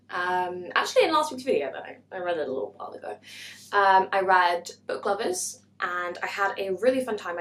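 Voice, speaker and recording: A woman, chatting bubbly and self-mocking through a book haul vlog. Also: medium pitch. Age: 20s. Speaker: booktuber. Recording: echoey room.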